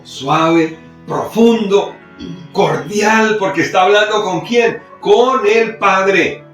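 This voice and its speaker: A Colombian pastor preaches to his congregation with a fairly high voice that leaps up and falls back. He is heard from a distance in a very echoey church hall. Soft guitar plays behind him. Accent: Colombian Spanish. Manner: preaching with sudden rises and drops in pitch and loudness. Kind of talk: sermon.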